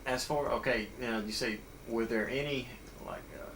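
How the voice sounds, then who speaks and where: A man's voice: medium pitch, fairly even intonation, normal speed. A man interviewing a veteran, asking short follow-up questions with hesitant restarts. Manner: brief prompts and follow-up questions. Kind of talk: oral history interview. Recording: noisy recording.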